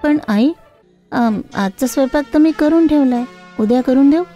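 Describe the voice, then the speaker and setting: A gentle, long-suffering young daughter-in-law in a cartoon tale, voiced by a woman in a raised, soft and mellow voice that pleads and apologizes. Faint music plays behind. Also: high voice, normal speed, muffled recording, voice pushed up, close to an everyday voice. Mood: timid.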